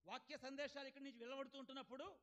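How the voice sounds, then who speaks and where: A man's voice: very high voice, steady tone, racing, a bit bright. A male pastor preaching a sermon, often asking "ఏమండి?" and calling on the congregation to answer aloud.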